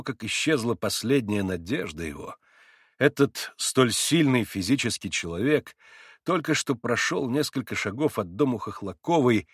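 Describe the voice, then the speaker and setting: A man narrating an audiobook of a classic novel, measured and expressive, on a close studio mic. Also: medium pitch, breathy edge, no echo.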